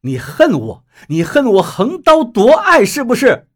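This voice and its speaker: A man voicing an anguished young man in an audiobook, shouting in a high, strained voice. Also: wildly swooping pitch, unhurried, exaggerated voice. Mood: desperate. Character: desperate young man, crying out.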